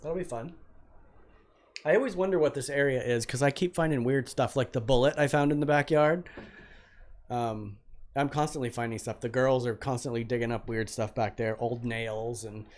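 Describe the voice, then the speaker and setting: A man co-hosting a relaxed live chat from home. He banters and teases in a playful, easygoing way, with a voice of ordinary pitch for a man. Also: normal speed. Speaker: co-host.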